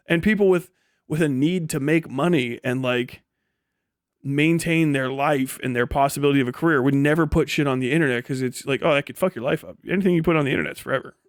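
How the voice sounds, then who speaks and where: A man hosts a livestream, reading and answering chat with casual, unscripted commentary that is blunt, opinionated and full of swearing. His voice sits on the high side and moves at a quick pace. The recording is dry and of studio quality.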